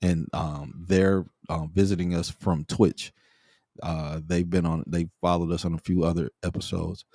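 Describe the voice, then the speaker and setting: A man hosting a podcast, relaxed and friendly, asking questions and reading out viewer comments. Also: sits low, normal speed, no echo, clean studio sound. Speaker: host.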